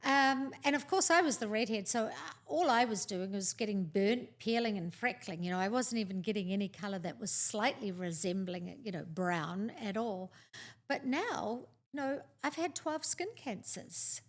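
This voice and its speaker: A middle-aged woman from New Zealand, co-hosting a casual talk show and telling stories in an animated, chatty way. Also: medium pitch, moderate pace. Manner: animated storyteller, chatty and expressive. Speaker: podcast co-host. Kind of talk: casual chat.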